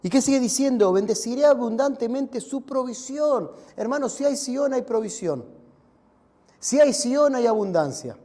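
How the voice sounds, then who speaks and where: A man with a Rioplatense Spanish accent, preaching a sermon in a church, swinging between loud shouts and hushed, quiet lines. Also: extremely high pitch, lively intonation, normal speed. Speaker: pastor.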